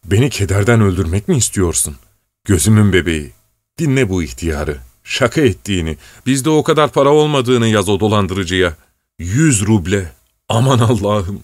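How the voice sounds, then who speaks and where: A man's voice: mid-range voice, lively intonation, normal speed, dry recording, pitched above the performer's own voice, natural voice. A man voicing a devoted old male servant who scolds, frets and pleads tearfully. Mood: tearful lament. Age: older. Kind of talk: audiobook character voice.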